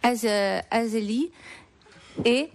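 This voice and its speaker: A woman's voice: on the high side, slow. A woman hosting a live radio show, leading the talk with short questions and introductions. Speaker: radio host.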